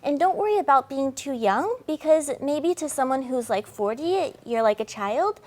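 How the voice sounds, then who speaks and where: Higher-pitched woman on a panel, reassuring, says like and you know a lot. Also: expressive, moderate pace, a little mellow. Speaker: social media influencer on a panel. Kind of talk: advice at a panel talk.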